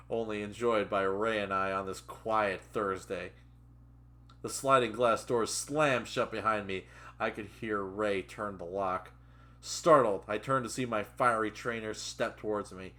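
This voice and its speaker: A man's voice: on the low side, a bit bright. A man reading a story aloud, mocking the writing with sarcastic asides and swearing. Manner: sarcastic, interrupts the text with jokes and swearing. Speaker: reader and commentator.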